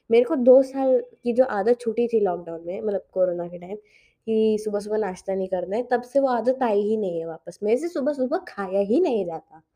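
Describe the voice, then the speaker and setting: A teenage girl hosts her own show from home, chatting casually, mixing in English phrases and laughing a lot. Her voice sits at a medium pitch and sounds mellow.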